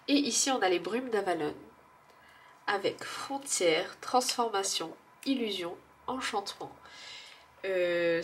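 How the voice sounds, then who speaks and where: A woman with a stuffy nose talks through an oracle card reading in a relaxed, wandering way. Her pitch sits in a middle range for a woman. She hesitates often and laughs softly at herself. A faint noise hums under her voice. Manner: musing and hesitant, with frequent fillers. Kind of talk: casual spiritual card reading.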